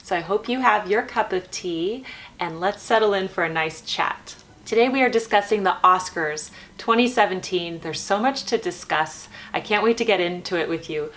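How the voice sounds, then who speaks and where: A woman host chatting casually in a vlog, keeping her voice quiet at night as if someone is asleep nearby. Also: moderate pace. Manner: keeping voice low at night so as not to wake a sleeping baby.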